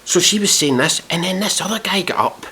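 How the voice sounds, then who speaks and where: A man's voice: high-pitched, animated, brisk, pushed and bright, slight background noise. Exasperated man ranting, swearing freely. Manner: exasperated, heavily profane, mock-outraged. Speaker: video reviewer. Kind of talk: casual ranting review.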